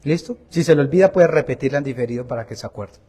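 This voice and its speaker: A man's voice: medium pitch, lively intonation, fast talker, mellow, breathy edge. A man preaching a Sunday homily in a church, emphatic and repetitive, asking the congregation direct questions and joking about himself. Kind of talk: Sunday sermon.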